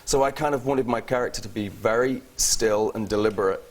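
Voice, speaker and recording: A man's voice: lowish voice, fairly quick. A man with a British accent, a guest actor on a talk show, telling stories chattily, laughing often and restarting sentences. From England. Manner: chatty, laughing, self-interrupting storyteller.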